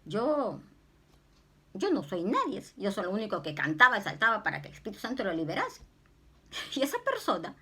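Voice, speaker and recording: A woman preaching and telling a testimony in an animated way, jumping into high squeals when she quotes herself. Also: slightly rough. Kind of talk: sermon testimony.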